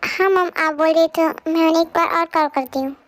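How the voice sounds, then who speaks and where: A woman's voice: very high-pitched, steady tone, a little fast. A woman voicing a young wife who pleads and talks emotionally, in a fan audio drama dub. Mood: worried. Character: young wife, tearful and longing.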